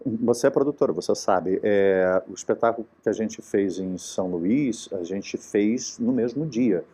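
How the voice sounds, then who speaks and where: A man's voice: lowish voice, normal speed, dark tone, slightly rough. A man, a guest actor talking earnestly in a casual interview and often restarting his sentences. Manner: earnest, searching for words with many restarts.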